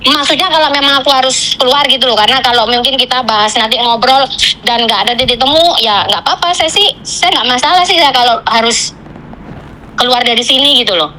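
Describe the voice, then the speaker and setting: A woman on a phone call, venting about her job in rushed, broken sentences. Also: high-pitched, sharp tone, slight background noise. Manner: venting, tells a story in rushed fragments with Javanese fillers. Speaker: caller, migrant domestic worker. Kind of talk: casual chat.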